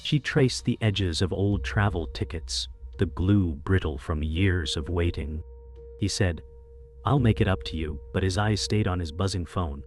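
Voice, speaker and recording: A man narrating a scripted story in an even, descriptive way. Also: deep voice, unhurried. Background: faint music.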